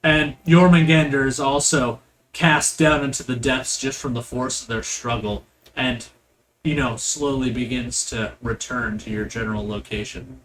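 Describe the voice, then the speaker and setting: A man's voice: mid-range voice, steady tone, measured pace, fairly bright tone, low-quality recording. A man acting as game master, casually narrating a tabletop game with improvised, descriptive storytelling.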